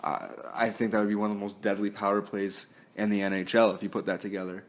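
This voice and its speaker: A man's voice: on the low side, monotone, fast talker. A man hosting a casual sports talk podcast, chatty and easygoing, laughing often and using plenty of fillers. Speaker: podcast host.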